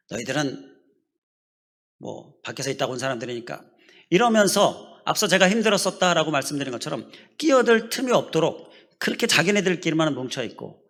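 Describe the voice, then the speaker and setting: With a fairly high, slightly bright voice, a middle-aged man preaches as pastor, walking through scripture step by step. He questions the congregation and has them repeat phrases after him.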